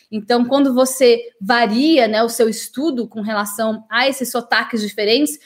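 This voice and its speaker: A woman with a Brazilian Portuguese accent giving a casual spoken lesson as an English teacher, chatty, with frequent tag questions and English words sounded out as examples. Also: sits high.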